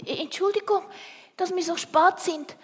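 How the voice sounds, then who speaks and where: A woman's voice: very high voice, unhurried, fairly bright tone, big-room sound, pitched above the performer's own voice. A woman voicing a worried young boy mouse in a storybook reading, apologetic.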